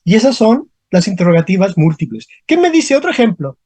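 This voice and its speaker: A teacher giving an online language lesson over a video call, speaking slowly, repeating example questions and often checking in with the class. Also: medium pitch, sing-song, warm tone, slightly rough, dry recording. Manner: slow, repeats questions, frequent checking tags. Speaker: Spanish grammar teacher.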